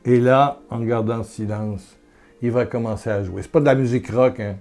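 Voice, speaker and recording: A man preaching and praying aloud, fervent and repetitive, with breathy exclamations. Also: mid-range voice, steady tone, normal speed, darkish tone, faint music behind. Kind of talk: prayerful preaching.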